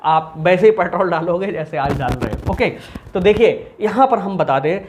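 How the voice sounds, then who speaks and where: A male commerce teacher talks through a lesson in a lively, chatty way. He keeps asking his students questions and answering them himself. A faint hiss sits under his voice. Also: high-pitched, moderate pace. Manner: animated, asks and answers his own questions. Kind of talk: informal recorded lesson.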